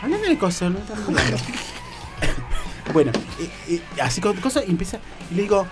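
A man's voice: sits high, big pitch swings, brisk, over loud music. A man with a Rioplatense accent hosting a radio comedy show, telling a story in a camp, theatrical way full of hesitations and fillers. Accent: Rioplatense Spanish. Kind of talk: comic storytelling.

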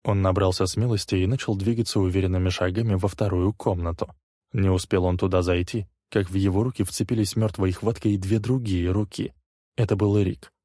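Low-voiced man narrating a thriller. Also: fairly even intonation, fairly quick, mellow, dry recording, studio quality. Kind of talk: scripted audiobook narration.

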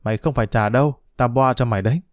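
A cocky schoolboy swaggers and mocks his friend in a spoken story, as a man puts him on. His voice often jumps higher than the narrator's own. The sound is dry and close. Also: very fast, no room sound, close to an everyday voice. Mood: excited. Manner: swaggering, mocking.

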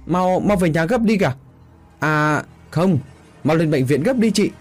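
A man voicing a frantic, out-of-breath village woman who shouts her news in a high, urgent voice. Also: expressive, moderate pace, breathy edge, faint music behind.

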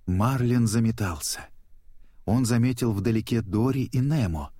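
A man narrating a children's storybook in a steady, expressive way. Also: medium pitch, measured pace, no room sound, clean studio sound.

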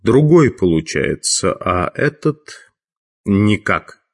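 A man voicing a stern male chief of mages who speaks dryly and in a measured way, in an audiobook. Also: fairly low pitch, very animated, heavily acted. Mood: grumbling. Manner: dry, measured.

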